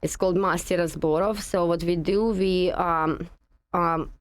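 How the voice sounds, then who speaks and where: A woman from Russia with a Russian accent, a guest in a casual interview, talking in a halting way with many fillers. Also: lowish voice, steady tone. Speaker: guest, energy practitioner.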